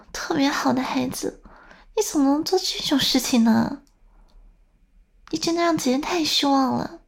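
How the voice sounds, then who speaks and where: A woman's voice: high-pitched, vocal fry. A young woman playing a stern but doting older sister who scolds and coaxes the listener, in a whispered role-play. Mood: disappointed. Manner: scolding, then coaxing softly.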